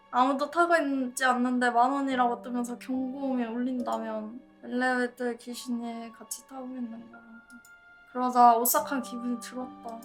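A woman's voice: high voice, a bit bright. A woman streaming a horror game, commenting and reading the text aloud in a scared, jumpy manner with exclamations. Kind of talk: gameplay commentary with on-screen text read aloud.

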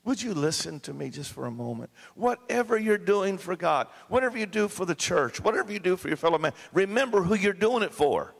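A pastor preaching a sermon to his congregation, swinging from hushed storytelling to rising climactic exhortation. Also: high-pitched, expressive, a little fast, creaky, hardly any pauses. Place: church sanctuary. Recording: long church reverb.

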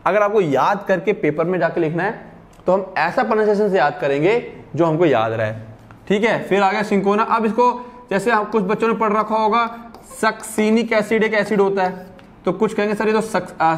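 A young man teaching a pharmacy class. He reads English text slowly, explains it again in Hindi and keeps checking whether his students have understood. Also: high-pitched. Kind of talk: classroom lecture.

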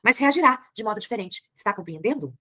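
A woman's voice: medium pitch, lively intonation, quick pace, pushed and bright, breathy edge, no echo. A Brazilian woman reading a novel aloud, voicing a worldly woman who teases and talks down to a younger one. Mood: teasing. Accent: Brazilian Portuguese. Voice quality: mocking, patronizing.

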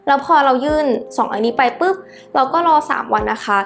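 A young woman vlogger speaks in a casual, chatty way, with plenty of small fillers. Her voice sits high. Faint music plays under her talk. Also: a little fast, a bit bright. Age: young adult. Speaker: vlogger, exchange student. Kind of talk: casual vlog explanation.

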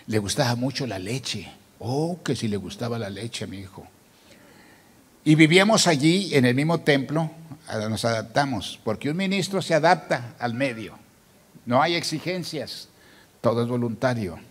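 A man's voice: medium pitch, lively intonation, moderate pace, husky, long reverb tail. An older man, a pastor, telling his story in a sermon and acting out the dialogue. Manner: storytelling, acts out dialogue, grows loud and emotional. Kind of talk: sermon testimony.

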